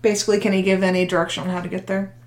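A woman player in a tabletop game, chiming in with quick, wry comments and summaries. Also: medium pitch, little pitch movement, a little mellow, echoey room. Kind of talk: casual tabletop play.

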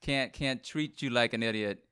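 A man's voice: mid-range voice, normal speed, bright, forceful tone, smooth, dry recording, studio quality. A man in his forties from Cambodia, chatting laid-back on a podcast and often calling people "man". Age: 40s. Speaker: podcast co-host. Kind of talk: casual chat. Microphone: studio microphone, sometimes off-axis.

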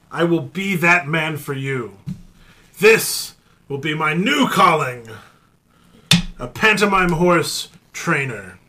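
A man's voice: a little high, bright, forceful tone. A man playing a pompous middle-aged theater veteran who lectures grandly in an improvised comedy scene.

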